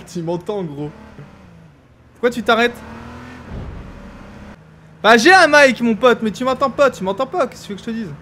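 A young man from France giving casual, animated commentary as he streams a game. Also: very high voice, normal speed, pauses often. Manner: chatty, animated, jokey, exclaims loudly. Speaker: gaming streamer. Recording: faint background noise.

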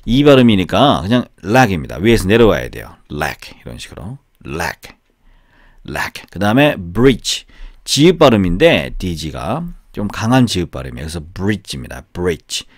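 A man's voice: deep voice, big pitch swings, moderate pace, no echo, clean studio sound. A middle-aged man teaching English pronunciation in a casual lesson, repeating words with exaggerated stress.

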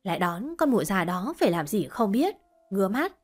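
A woman's voice: medium pitch, sing-song, normal speed, faint music behind. A woman voicing a spiteful, scornful young wife. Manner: mocking, scornful.

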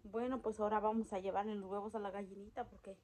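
A woman, narrating a casual vlog about her backyard chickens, speaking softly and sometimes cooing high to soothe a hen. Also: flat delivery, quick pace. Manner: soft-spoken, coos high and loud to soothe a hen. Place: backyard chicken coop outdoors. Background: clucking chickens and birds.

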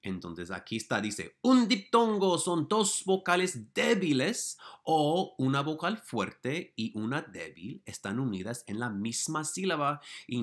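A man teacher who switches between Spanish and English as he patiently walks young pupils through their weekly lessons. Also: fairly low pitch. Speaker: elementary school teacher. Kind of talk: remote class walkthrough for young pupils.

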